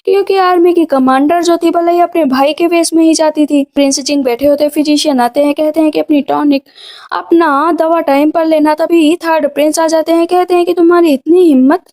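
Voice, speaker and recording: Woman narrator, high and mellow, recaps a drama plot and reads every role in nearly her own voice. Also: steady tone, a little fast. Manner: narrates and voices every character herself, with little change in voice.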